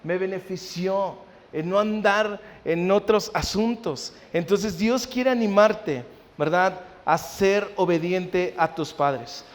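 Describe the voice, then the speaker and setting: A male pastor, preaching a sermon, often checking in with listeners and acting out family conversations. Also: high voice. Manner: acts out family dialogue in anecdotes. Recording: long hall reverb.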